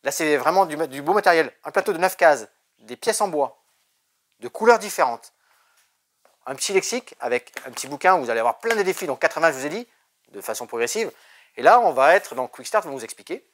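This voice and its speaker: A man's voice: on the high side, expressive, fast talker, fairly bright tone. A man presenting board games in a shop, chatty and jokey, with many fillers. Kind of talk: casual game presentation.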